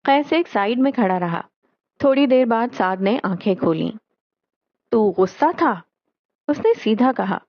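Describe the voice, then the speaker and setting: A woman narrates a novel in slow, measured storytelling, giving the quoted dialogue a calm voice. The sound is dry and close, with no room around it. The tone is a little dull, like a modest home recording. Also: fairly high pitch, no room sound. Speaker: audiobook narrator.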